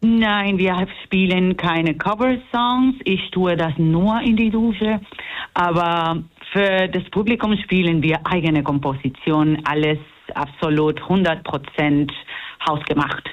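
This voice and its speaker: A woman's voice: lowish voice, a little slow. Woman, musician guest, hesitant, searching for words, muffled lo-fi sound. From Puerto Rico. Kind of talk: radio interview.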